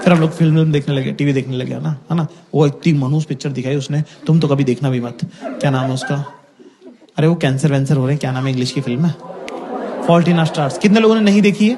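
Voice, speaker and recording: A man's voice: fairly high pitch, quick pace. A man performing a stand-up comedy routine, telling stories and acting out the people in them. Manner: animated storytelling, acts out quoted voices. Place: comedy venue with a laughing audience, played back in a reaction video. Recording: loud crowd laughter and noise.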